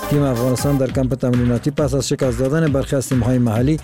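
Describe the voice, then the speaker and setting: A man's voice: mid-range voice, fairly even intonation, music in the background. A man with an Afghan accent reading scripted sports news.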